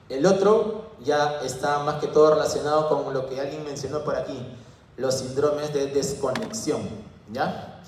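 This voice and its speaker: Male lecturer, slightly high voice, quizzes the class, far off in a booming hall. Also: darkish tone, a little hiss or hum. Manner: asks students questions and answers them himself. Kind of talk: university lecture. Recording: very echoey room, from far off.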